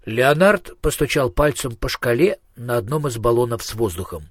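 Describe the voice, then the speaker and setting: A man narrating a storybook in an even, measured voice. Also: mid-range voice, no room sound, studio quality. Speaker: audiobook narrator. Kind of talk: scripted narration.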